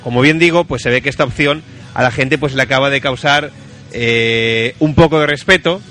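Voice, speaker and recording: A man with a Spanish accent from Spain hosts a casual radio chat show, playful, teasing and exclamatory. His voice is medium-pitched with a sharp tone at a normal speed, and music plays behind him.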